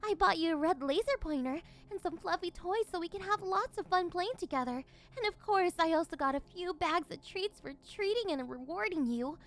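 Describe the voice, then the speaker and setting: A woman's voice: extremely high pitch, animated, normal speed, hardly any pauses, a bit bright, heavily acted. A woman playing a possessive, unhinged yandere villainess in an ASMR role-play, cooing and teasing condescendingly as she domineers over her captive. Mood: gleeful cooing.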